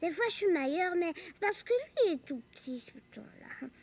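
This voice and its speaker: An actress voicing a lively, curious little girl on a children's TV show. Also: very high voice, moderate pace, exaggerated voice. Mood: determined. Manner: eager, childlike, bragging. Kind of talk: children's TV acting.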